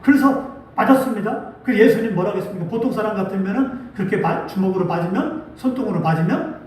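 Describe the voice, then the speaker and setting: A man's voice: sits high, fast talker, a little mellow. A male pastor preaching a sermon. He asks the congregation rhetorical questions and acts out quoted speech with rising emphasis. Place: church sanctuary. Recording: very echoey church hall, mic at a distance.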